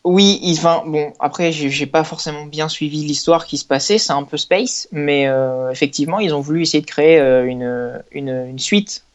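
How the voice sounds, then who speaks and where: A man's voice: a little high, moderate pace, hardly any pauses, muffled recording. Joking man on a music panel. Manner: joking, hesitant, many fillers. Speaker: guest panelist. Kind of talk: casual chat.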